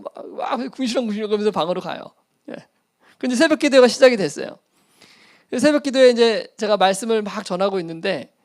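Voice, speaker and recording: A middle-aged male pastor telling a personal story in a sermon, acting out the voices and laughing at himself. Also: high-pitched.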